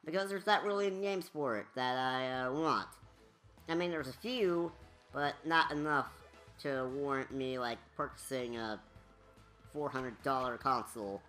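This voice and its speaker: A woman's voice: extremely low pitch, moderate pace, a bit bright, soft background music. A woman giving casual, rambling commentary over a game walkthrough, chatty with many fillers.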